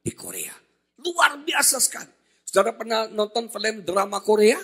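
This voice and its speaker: A male pastor with a husky, high voice delivers a lively sermon. He jokes, shouts and keeps asking the congregation questions. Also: normal speed. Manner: energetic, jokey, often shouting, asks the congregation questions. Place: church hall.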